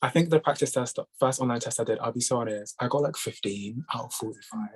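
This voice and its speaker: A man's voice: mid-range voice, quick pace, a loud crowd, poor audio. Chatty young man giving advice. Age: late teens. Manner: chatty, reassuring, rambling with many fillers. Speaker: host. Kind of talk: casual advice on a video call. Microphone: video call.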